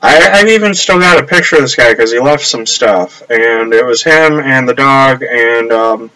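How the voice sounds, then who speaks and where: A man's voice: mid-range voice, normal speed, pushed and bright, poor audio. A man rambling casually on a live stream from his upstairs apartment, trailing off and restarting often.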